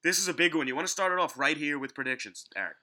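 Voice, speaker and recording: A man's voice: fairly high pitch, rapid-fire, pushed and bright. A man hosting a casual sports podcast, recorded in a home basement. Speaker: podcast host. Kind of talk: casual sports podcast chat about wrestling.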